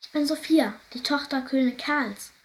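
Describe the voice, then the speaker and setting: A woman's voice: high-pitched, moderate pace, a little hiss or hum, pitched above the performer's own voice, close to an everyday voice. A woman voicing a curious, timid young princess in a fairy tale, asking hesitant questions.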